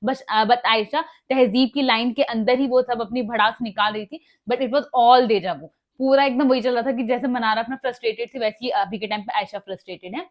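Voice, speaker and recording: A woman's voice: a little high, a little fast, few pauses. A woman casually retelling a reality show episode, mixing in English words and acting out quoted dialogue with many fillers. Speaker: show recap vlogger. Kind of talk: casual spoken recap.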